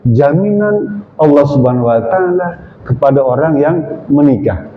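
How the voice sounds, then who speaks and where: A man giving a wedding sermon, preaching in a slow, measured way and chanting Arabic verses between lively jokes. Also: on the high side, slight background noise. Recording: echoey hall, dull sound, faint ambience.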